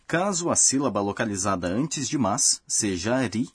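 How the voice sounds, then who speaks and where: A man narrates a language lesson with a calm, patient, explanatory delivery. His voice sits low with a slightly husky edge. It is recorded close and dry, like a studio voice-over. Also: normal speed, no room sound. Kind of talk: scripted educational narration.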